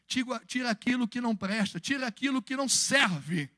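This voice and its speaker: A man's voice: very high-pitched, expressive, a little fast, bright, forceful tone, no room sound, clean studio sound. A Brazilian man preaching a Sunday evening sermon in a church, moving between fervent exhortation and humorous personal stories. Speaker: pastor.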